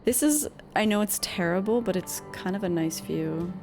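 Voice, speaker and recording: A woman's voice: medium pitch, normal speed, music in the background. A woman giving casual, off-the-cuff commentary as she plays a video game. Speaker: game streamer.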